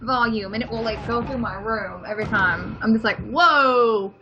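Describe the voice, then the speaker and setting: This let's play co-host is a woman with a fairly high voice at normal speed, chatting bluntly about the game and cursing freely. The background is noisy, and her dull lo-fi recording has loud game music behind it.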